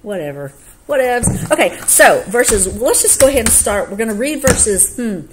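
A woman's voice: fairly high pitch, expressive. Woman, youth Bible leader, chatty and playful; faint hiss on the track. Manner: bubbly, joking, quick to laugh. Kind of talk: casual chat and Bible study.

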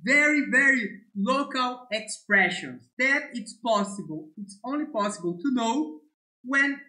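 Brief: Brazilian male teacher, unhurried lesson delivery, bright forceful tone, echoey room. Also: very high voice, animated. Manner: slow and deliberate, checks in with frequent "okay?". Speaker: Portuguese teacher. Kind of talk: online language lesson.

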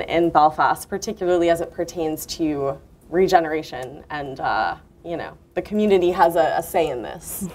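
At a book launch conversation, a woman author with a lowish voice thinks aloud at length, full of fillers and restarts. She's picked up by a distant camera in a university lecture room.

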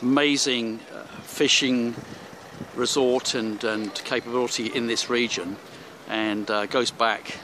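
A mid-range voice, pushed and bright with fairly even intonation, comes through a little slow on a low-quality recording with a bit of hiss or hum. The speaker is a travel vlogger narrating a handheld-camera tour of a seaside hotel's rooms and the seaside street, rambling with frequent fillers and restarts.

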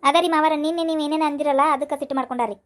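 A woman's voice: high-pitched, steady tone, racing, natural voice. A woman doing a chatty cartoon daughter-in-law with a North Karnataka accent. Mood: chatty pleading. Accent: North Karnataka Kannada. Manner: chatty, pleading. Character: chatty young daughter-in-law, dutiful and fussing.

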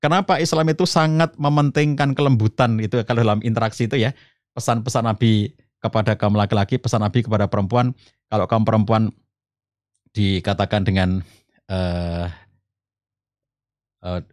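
A calm, middle-aged family counselor from the Solo region of Central Java joins a podcast as a guest for a conversational religious talk. He explains things at a moderate pace with frequent pauses, calls the host Ustaz, and raises his pitch for emphasis. The sound is dry and close, with no echo.

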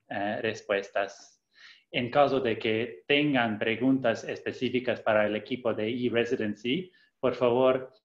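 A young man opens a webinar with a polite, formal introduction, stumbling now and then into fillers and self-corrections. His pitch is in the everyday male middle range. The sound is roomy and muffled, as if picked up by a laptop on a video call. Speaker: webinar host. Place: indoor room, on a video call.

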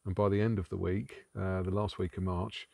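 A middle-aged man chatting casually in a sunny garden on a lapel mic, explaining things in a relaxed way with pauses and fillers. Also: deep voice, creaky, no echo. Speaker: vlogger renovating a farmhouse. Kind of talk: casual chat. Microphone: clip-on lapel mic.

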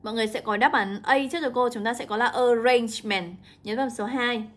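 A young woman, an English teacher walking students through an exam, drawing out example words slowly. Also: on the high side, steady tone, a bit bright. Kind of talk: exam walkthrough lesson.

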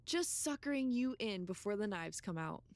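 A woman's voice: medium pitch, expressive, normal speed, no room sound, lightly acted. A woman voicing a cocky, trash-talking female wrestler in a video game. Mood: smug. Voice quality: smug, teasing. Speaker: game character.

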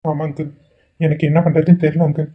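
A man voicing a kind, polite young village man in a cartoon, speaking gently and reassuringly. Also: fairly high pitch, flat delivery, quick pace, slightly rough. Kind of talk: Tamil cartoon voice acting. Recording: tinny phone-like lo-fi audio.

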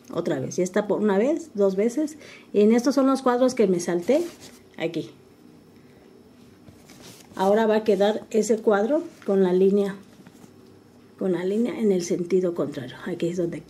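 This embroidery teacher, an older woman, guides listeners through a craft tutorial with a soft, warm voice that is never sharp. She speaks at medium pitch and a moderate pace, pausing often as she patiently narrates each stitch over a faint hum of the room.

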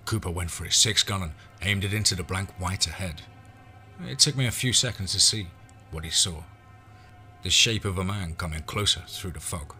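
A man's voice: low-pitched, moderate pace, sharp tone, soft background music. A man narrating a scripted horror western in the first person, as a storyteller.

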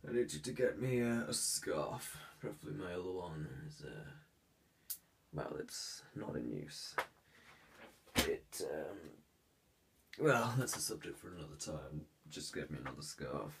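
A man voices a haughty, ailing young heir for an ASMR roleplay, his speech formal yet hesitant and stuffed up from a cold. The voice is low, gravelly and unhurried, yet very animated. Faint hiss sits behind a slightly distant mic.

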